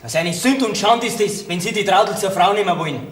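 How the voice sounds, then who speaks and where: Man playing a young bavarian fellow, righteous and teasing, high voice, echoey stage. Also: a little fast, natural voice. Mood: indignant. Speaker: stage actor. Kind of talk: folk theater comedy acting.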